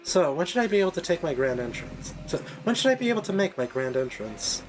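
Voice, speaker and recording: A man's voice: fairly high pitch, very animated, fast, music in the background, low-quality recording. A man voicing a haughty, impatient villain queen in dialogue read aloud from a video game. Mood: imperious, impatient.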